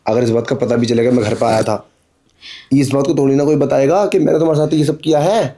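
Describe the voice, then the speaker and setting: A pushy, scheming landlord, played by a man, with a mellow, darkish voice at an ordinary pitch. He presses and brushes off every worry with impatience. He comes from a homemade drama skit. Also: fairly even intonation, fast talker, close to an everyday voice. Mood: persuading. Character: pushy, scheming middle-aged male landlord. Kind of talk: amateur Hindi drama skit.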